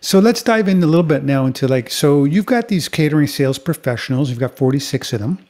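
A man's voice: fairly high pitch, expressive, fast, a little mellow. A middle-aged man hosting a casual podcast interview from a home studio, asking long, eager, rambling questions. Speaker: podcast host. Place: home studio room with shelves. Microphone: studio mic on boom arm.

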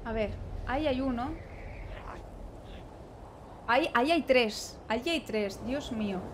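A woman's voice: fairly high pitch, a little slow, noisy background. A young woman, commentating a video game she plays, nervous and exclaiming, talking to the characters on screen. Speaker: gaming streamer. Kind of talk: let's play commentary.

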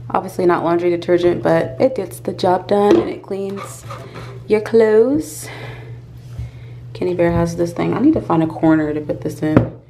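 In a casual home vlog, a young adult woman talks to her camera, handheld or on a tripod, thinking aloud while she cleans up small spaces such as the closet, bedroom, and bathroom. Her voice is lowish and her pace moderate, and background noise and handling clicks come through clearly.

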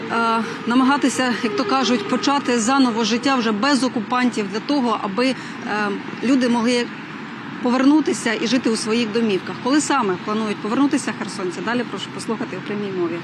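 Brief: woman field reporter, live outdoor news stand-up, quick delivery, traffic noise clearly heard behind. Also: on the high side. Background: traffic and street noise.

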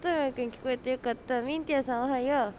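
A woman's voice: high-pitched, quick pace, darkish tone, slight background noise. A woman live-streaming outdoors, chatting casually with her viewers and friends and laughing often. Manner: bubbly, greets chat, laughs often. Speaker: livestreamer.

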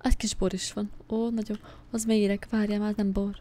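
The woman's voice is medium-pitched, level, and dark in tone. As a gaming channel host, she offers skittish, casual remarks through a horror game, speaking to on-screen objects and swearing from time to time.

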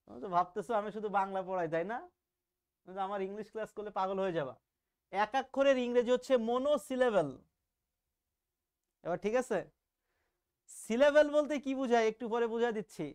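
A man's voice: sits high, lively intonation, a little fast, long pauses, a little mellow, clear, resonant tone. A man from Bangladesh, teaching a casual online grammar lesson in a chatty, teasing way, asking rhetorical questions and drawing out example words.

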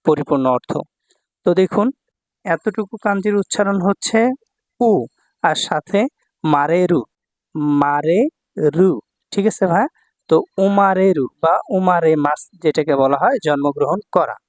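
A man's voice: sits high, moderate pace, dry recording, studio quality. A male Japanese language teacher explaining kanji patiently, repeating words and often checking that students follow. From Bangladesh.

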